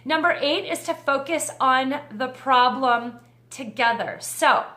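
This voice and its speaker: High-voiced woman giving friendly advice. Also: unhurried, pushed and bright, echoey room. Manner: friendly, conversational, walks through a numbered list. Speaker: host.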